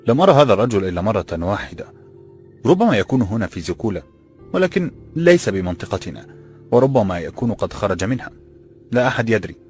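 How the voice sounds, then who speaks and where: A man voicing a calm, kind old bookseller who speaks formal classical Arabic, in a slightly raised voice. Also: lowish voice, fast, long pauses, faint music behind, pitched above the performer's own voice.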